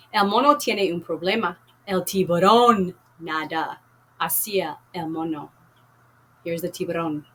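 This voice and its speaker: Her voice lowish and a bit bright, a Spanish teacher reads a novel aloud to her class and guides activities. She talks slowly and clearly, repeating words and translating them.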